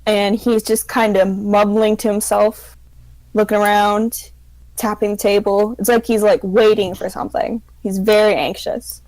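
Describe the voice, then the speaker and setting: A woman game master improvising casual tabletop narration in an informal, halting way. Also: mid-range voice, little pitch movement, darkish tone, dry recording, low-quality recording.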